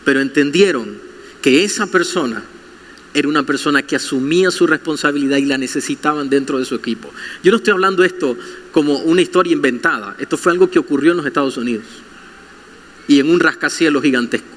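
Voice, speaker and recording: A man's voice: fairly high pitch, fast, a bit bright. A man preaching a sermon as pastor, speaking straight to his listeners with rhetorical questions, in a large church hall. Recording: long reverb of a large hall.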